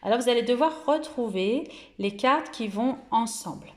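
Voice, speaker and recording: A kindergarten teacher from France, her voice on the high side, animated and a little mellow, records a home-school lesson in an echoey space. Her delivery is slow and precise, with every syllable drawn out.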